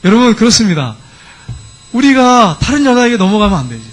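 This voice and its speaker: High-voiced preaching man, animated sermon. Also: a little fast. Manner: animated preaching, dramatizing the story with quoted voices and laughter. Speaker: pastor. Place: church sanctuary.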